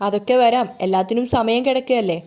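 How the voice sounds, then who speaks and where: Woman reading gracious wealthy lady, calm, quick delivery. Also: fairly high pitch, lightly acted. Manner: calm, reassuring.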